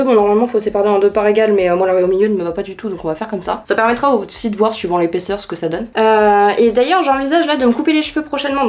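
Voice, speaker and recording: Her voice is mid-range and a little mellow as this beauty vlogger chats casually at home. She tries out tips in a hot room, speaking bluntly in slang and mocking herself along the way.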